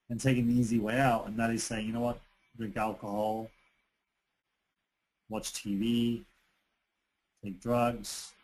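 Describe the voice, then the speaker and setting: A man's voice: mid-range voice, a little mellow, breathy edge, poor audio. A man presenting a webinar lesson in a conversational way, with frequent fillers and restarts. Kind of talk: teaching on relationships. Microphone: computer microphone on a webinar.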